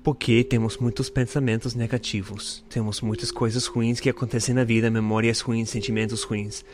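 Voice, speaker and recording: A man's voice: medium pitch, level tone, moderate pace. A man from the United States, a native English speaker, hosts a casual motivational podcast in American-accented Portuguese, using simple learner phrasing and repeating for emphasis. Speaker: podcast host.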